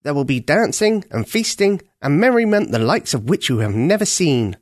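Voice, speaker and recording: A man's voice: on the high side, sing-song, moderate pace, dry recording, studio quality, voice pushed up. A man doing a boisterous old crow. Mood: coaxing. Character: bossy, cheerful old male senior crow. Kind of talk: storybook read-aloud.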